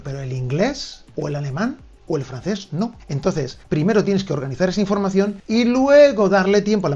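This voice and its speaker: Man teaching with a higher, muffled voice. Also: a little mellow. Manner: direct, addresses the viewer with frequent "¿vale?". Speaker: language teacher. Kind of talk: explanatory video lesson.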